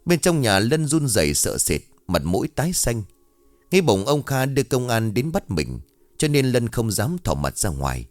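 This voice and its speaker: Audiobook narrator, man, low lively voice, dry close sound, faint music under. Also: normal speed, no room sound. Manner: expressive storytelling. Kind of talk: scripted ghost story narration.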